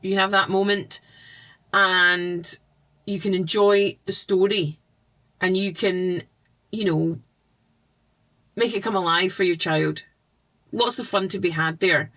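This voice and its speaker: A woman reading tutor giving patient, explanatory tips to parents in an unhurried instructional vlog. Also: mid-range voice, steady tone, a bit bright.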